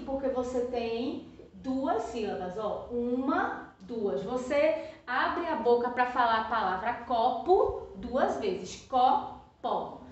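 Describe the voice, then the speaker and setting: High-voiced teacher in an echoey room. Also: female voice. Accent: Brazilian Portuguese. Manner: patient, repeats "tá?" after nearly every phrase; slow, drawn-out stressing of example words. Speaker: primary school teacher. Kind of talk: remote lesson for young children. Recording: echoey room, distant from the mic, slightly muffled.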